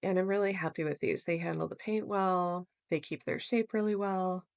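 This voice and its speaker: A woman narrating her watercolor painting step by step in a gentle, explanatory way, as host of a real-time art tutorial. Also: on the low side, normal speed, dry recording, clean studio sound.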